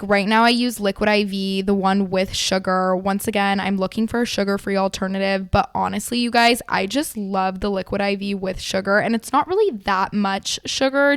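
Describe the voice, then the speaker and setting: A woman's voice: mid-range voice, smooth, no room sound. A young woman co-hosting a podcast, chatting in a gushing, casual way with lots of fillers. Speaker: podcast co-host. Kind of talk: casual chat.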